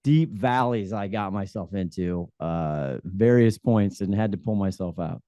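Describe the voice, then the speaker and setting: A man's voice: low-pitched, a little slow, mellow, no echo. A man in his forties, a podcast guest, telling his career story in a candid, self-deprecating way. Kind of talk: conversational interview.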